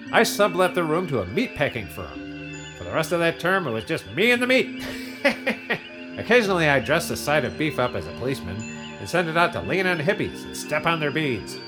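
Guy doing a smug trust-fund starship captain, laughs at his own jokes, kinda high voice. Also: sing-song, fairly quick, music in the background. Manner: smug, chuckling, self-amused. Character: pompous rich male starship captain. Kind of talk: comedy audio sketch.

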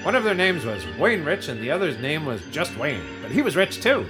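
Guy doing a smug trust-fund starship captain, laughs at his own jokes, kinda high voice. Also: big pitch swings, fairly quick, over music. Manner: smug, chuckling, self-amused. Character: pompous rich male starship captain. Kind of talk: comedy audio sketch.

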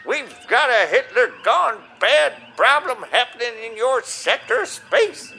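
A man playing a gruff, blustering old commodore who sounds like a grubby prospector, barking folksy orders in a comedy audio sketch. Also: extremely high pitch, sing-song, measured pace, bright, forceful tone, faint music behind, full character voice. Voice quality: gravelly, twangy old-timer bark.

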